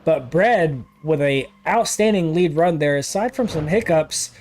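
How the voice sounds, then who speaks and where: High-voiced casual drift commentator, a man. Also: animated, unhurried, noisy background. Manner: casual, filler-heavy, self-correcting. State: has the hiccups. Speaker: drift competition commentator and host. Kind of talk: live play-by-play commentary.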